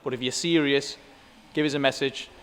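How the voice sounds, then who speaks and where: A man's voice: medium pitch, steady tone, normal speed, fairly bright tone, clean tone. Man vlogging in an echoey workshop. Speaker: workshop vlog host. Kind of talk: casual walk-around vlog, interviewing mechanics. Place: inside a car workshop. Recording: echoey workshop hall with faint background noise.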